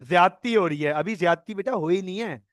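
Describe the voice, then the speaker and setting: A man's voice: high-pitched, a little fast, no echo, clean studio sound. A male accounting tutor giving an online lecture, playfully acting out scenarios and mixing in English terms.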